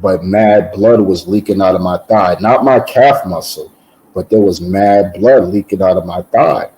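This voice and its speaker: A man giving a casual, animated personal testimony, repeating words and filling pauses with "um". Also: deep voice, rough recording.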